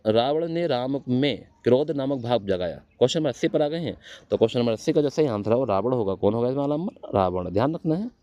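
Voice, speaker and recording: A man's voice: mid-range voice, dark tone, dry recording, highs cut off. A man teaching Hindi for exam prep, quizzing his students and answering his own questions.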